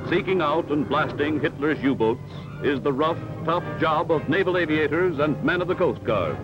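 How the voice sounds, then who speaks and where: A man's voice: on the high side, moderate pace. A man narrating a 1940s newsreel in an old newsreel soundtrack, with a dramatic, emphatic announcer delivery. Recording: dull lo-fi film soundtrack with loud music. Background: loud music.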